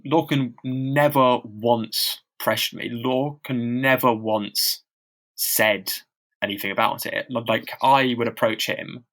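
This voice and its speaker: A man's voice: medium pitch, steady tone, slow, fairly bright tone. A man co-hosting a podcast in casual chat, who stammers with blocks and repeated sounds and talks in a loose, self-deprecating way. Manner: loose and chatty, with lots of fillers and self-deprecating asides. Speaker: podcast co-host.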